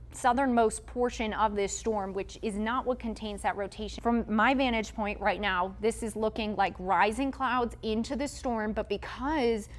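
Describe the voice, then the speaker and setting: A woman meteorologist giving live breaking weather coverage, explaining radar and urging viewers to take shelter. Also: mid-range voice. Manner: urgent, explanatory, giving safety instructions.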